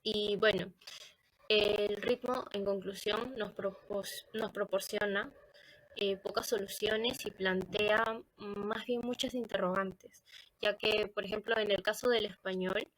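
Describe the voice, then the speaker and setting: A woman's voice: mid-range voice, steady tone, takes it slowly, fairly bright tone, slight background noise, rough recording. A woman with a Latin American Spanish accent giving a recorded class presentation, hesitant, with many fillers and self-corrections. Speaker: student presenter. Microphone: computer microphone.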